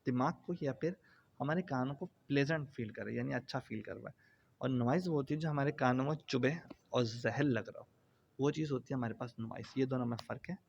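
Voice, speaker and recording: A man's voice: mid-range voice, brisk, vocal fry, a little mellow. A man giving a classroom physics lecture, explaining step by step with everyday examples. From Pakistan. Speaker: physics teacher. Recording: dull lo-fi sound with faint noise.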